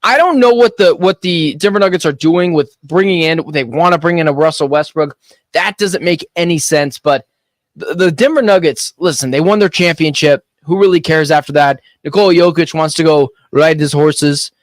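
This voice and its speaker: On a sports betting radio show, a male co-host talks into a studio mic, lively and full of opinions, tossing in quick jokes. His voice runs a little high, and there's no echo.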